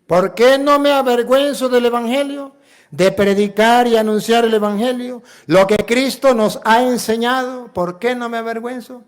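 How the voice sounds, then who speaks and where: Emphatic high-voiced Venezuelan priest preaching. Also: male voice, steady tone, normal speed. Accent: Venezuelan Spanish. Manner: emphatic preacher, rhetorical questions and repetition. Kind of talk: sermon.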